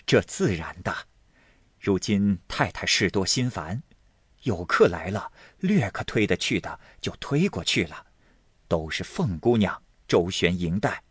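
A man doing a brisk, knowing housekeeper woman. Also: sits low, sing-song, breathy edge, dry recording, full character voice. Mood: confident. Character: shrewd, talkative middle-aged housekeeper woman. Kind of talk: storytelling.

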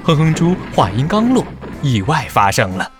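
A man narrating a scripted children's story in a dramatic, expressive way. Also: mid-range voice, moderate pace, music in the background.

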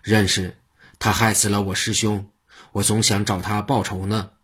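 A storyteller voicing an eccentric, mischievous wandering monk with a teasing, boastful manner. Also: male voice, on the low side, flat delivery, normal speed, a bit bright, slightly rough.

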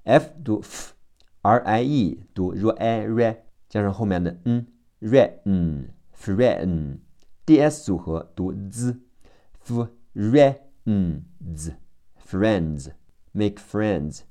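A man with a Chinese accent leads a phonics lesson, his low, mellow voice moving at a very slow, deliberate pace. He spells out each word letter by letter and says it again and again. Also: lively intonation. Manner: spells words letter by letter and repeats them slowly. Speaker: English teacher.

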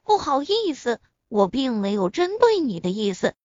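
A woman's voice: on the high side, sing-song, normal speed, a little mellow, no echo. A woman voicing a poised, frank young businesswoman in a spoken web-novel reading, with a slightly muffled lo-fi sound. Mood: earnest.

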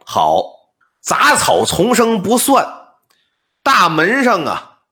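A man telling an old ghost story on a podcast, explaining details in an animated, comic patter. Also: high-pitched, slow. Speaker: storyteller, co-host.

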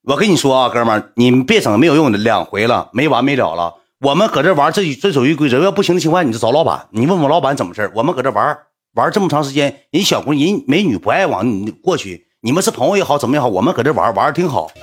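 A man's voice: mid-range voice, very animated, rapid-fire, husky. A young man with a Northeastern Mandarin accent, telling a casual anecdote in a blunt, colloquial way. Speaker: storyteller.

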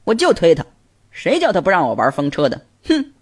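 A man voicing a spoiled little boy who throws tantrums, in a high whiny voice. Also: wildly swooping pitch, a little fast.

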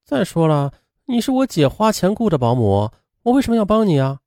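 Give me a man doing a sharp-tongued young woman, mocking and dismissive. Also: sits high, sing-song, fairly quick, no room sound, studio quality, pitched above the performer's own voice.

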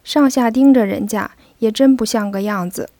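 A woman's voice: on the high side, moderate pace, mellow, no echo, studio quality, lightly acted. A woman voicing a sly, joking male servant who banters with his young master, in a storybook reading. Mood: bantering. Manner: cheeky, bantering.

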